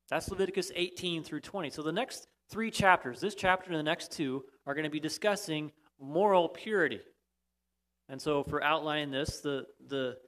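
A man's voice: fairly high pitch, fairly bright tone. A man preaching a sermon, explaining steadily and pressing key points. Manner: explanatory, emphatic at times, with restarts. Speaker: pastor.

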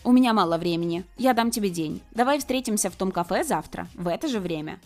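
Picture a cold, commanding rich young man from an animated story, as a woman reads him. He gives curt orders at a fast clip with a lively rise and fall, and faint music plays behind him. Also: mid-range voice, close to an everyday voice.

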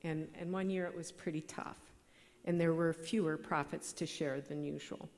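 Low-voiced woman giving a speech. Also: steady tone, darkish tone. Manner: measured, earnest, read from notes. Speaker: award recipient. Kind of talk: formal acceptance speech. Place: large banquet hall stage. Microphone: podium microphone. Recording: long hall reverb.

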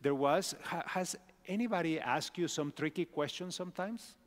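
In a large church sanctuary with long hall reverb, a middle-aged male pastor gives a children's message, asking the kids simple questions. His voice sits on the high side, and he speaks at a moderate pace.

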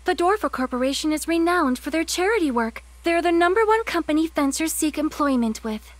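A woman's voice: high-pitched, lively intonation, a little fast, dry recording. An actress playing a prim, fussy young woman in a video game, speaking politely and formally. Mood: informative.

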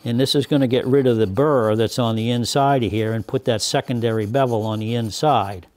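Older man with a mellow voice explaining carving. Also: mid-range voice, fairly even intonation. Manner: deliberate, explanatory, with frequent fillers and restarts. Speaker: woodworking instructor. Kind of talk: hands-on demonstration. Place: woodworking workshop at a bench.

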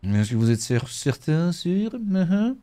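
A man commentating a horror game let's play in a jokey, animated way. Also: on the high side, slow pace. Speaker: gaming YouTuber.

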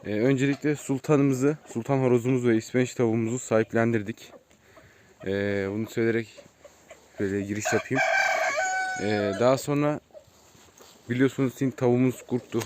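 A man's voice: mid-range voice, fairly even intonation, brisk, darkish tone. A man casually showing viewers around his outdoor chicken coops, chatting to them as friends and calling out to his birds. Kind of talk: casual vlog narration. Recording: noisy outdoor audio with chickens clucking and roosters crowing. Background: hens clucking and roosters crowing.

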